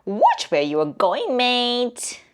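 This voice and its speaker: A woman voicing a blunt, brisk ant in a storybook tale, speaking louder with casual slang. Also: a little high, huge pitch swings, voice pushed up, heavily acted. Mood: gruff.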